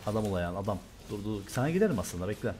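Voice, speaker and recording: A young Turkish gaming streamer commentates on his own gameplay loudly and excitedly, swearing and shouting at the game. His voice sits on the low side and he talks very fast.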